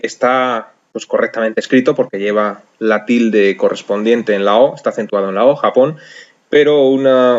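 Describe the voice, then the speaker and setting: Methodical Spanish-accented man teaching software. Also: mid-range voice, highs cut off. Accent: Spain Spanish. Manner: patient, methodical, stepwise with frequent fillers. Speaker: software instructor. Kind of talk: screencast tutorial explanation.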